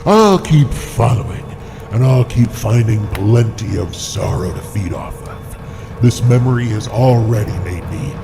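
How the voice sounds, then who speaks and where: A man voicing a disembodied male creature that feeds on sorrow, speaking slowly with a taunting, menacing manner. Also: mid-range voice, animated, gravelly, music in the background. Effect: disembodied voice from nowhere. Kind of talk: audio drama acting.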